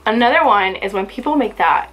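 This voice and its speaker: A woman's voice: medium pitch, animated, a little fast, fairly bright tone, slight background noise, poor audio. A young woman chatting casually with her husband for her vlog, bubbly and giggly. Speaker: blogger interviewing her husband. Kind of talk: casual chat.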